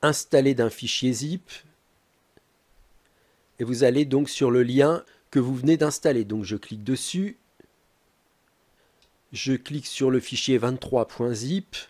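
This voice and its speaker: A man presenting a step-by-step tech tutorial, talking calmly with frequent hesitant filler pauses. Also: mid-range voice.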